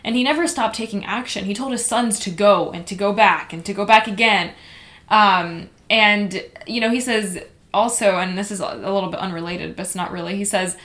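A woman's voice: medium pitch, normal speed, a bit bright. Earnest woman co-hosting a faith podcast. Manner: earnest, emphatic, conversational with frequent fillers. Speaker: podcast co-host. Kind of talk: casual faith discussion podcast.

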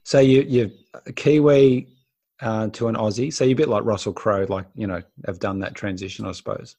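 This podcast host runs a casual interview chat, encouraging his guest, joking lightly and offering frequent affirmations. His voice is fairly low in pitch and warm, with fairly even intonation and a slightly fast pace.

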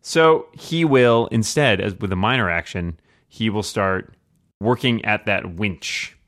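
A man's voice: lowish voice, unhurried, fairly bright tone. A man running a tabletop game as game master, narrating casually to the players.

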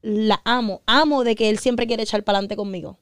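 A woman's voice: on the high side, moderate pace, clean tone, dry recording, clean studio sound. Blunt, profane woman. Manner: blunt, profane, animated, mixes English into Spanish. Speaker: podcast guest. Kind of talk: casual podcast chat.

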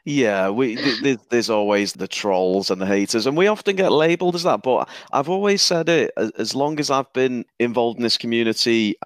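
A man's voice: medium pitch, expressive, normal speed, hardly any pauses, no echo. A man with a Northern English accent hosting a podcast, chatty and casual, often repeating words as he talks. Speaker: podcast host.

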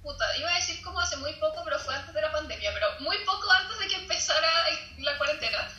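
Young chilean woman, very bright voice, high pitch, echoey room. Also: expressive, fast talker. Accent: Chilean Spanish. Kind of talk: casual chat.

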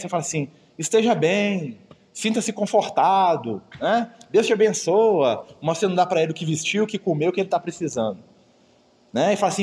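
Fast-talking man teaching scripture. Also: fairly high pitch. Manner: chatty, keeps asking "né?". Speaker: Bible study teacher. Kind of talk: informal religious study lecture. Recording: long hall reverb.

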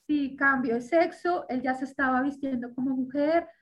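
This high-pitched woman talks at a normal speed while sharing her religious testimony in an interview. As she narrates, she re-enacts the words of the people involved.

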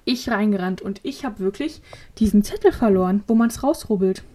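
A young woman co-hosting a casual podcast chat, telling stories in lively colloquial talk and acting out the people she quotes. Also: mid-range voice, moderate pace. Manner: animated storytelling, acting out quoted voices; colloquial, frequent "ne?" tags. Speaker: podcast co-host.

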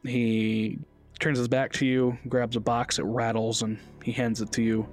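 Man, game master, relaxed chatty narration, mid-pitched voice, faint music behind. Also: a little slow.

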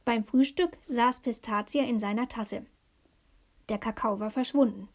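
Slow high-voiced woman reading a story. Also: a little mellow. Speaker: narrator.

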